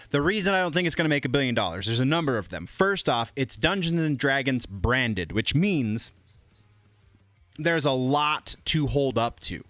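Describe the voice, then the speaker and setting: A man's voice: mid-range voice, a bit bright, dry recording. A man hosting a casual pop culture news livestream, rambling, correcting himself and chuckling as he reads headlines. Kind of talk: casual live news commentary.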